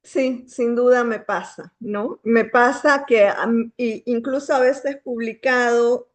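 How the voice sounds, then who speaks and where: A woman with a Bolivian Spanish accent talks as a guest author. She is reflective and often pauses to search for the right word. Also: fairly high pitch, steady tone. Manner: reflective, searching for words, many filler pauses. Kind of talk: thoughtful conversation.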